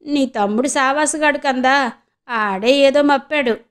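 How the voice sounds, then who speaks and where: A woman's voice: sits high, a little slow, pitched above the performer's own voice. A woman voicing a middle-aged village mother who laments and reproaches in rustic speech. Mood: grieving.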